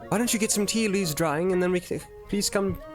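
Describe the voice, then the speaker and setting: A man's voice: high voice, fairly quick, music in the background, voice pushed up, lightly acted. A man voicing a posh, polite male tea shop keeper, reading game dialogue aloud with formal phrasing. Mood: instructive.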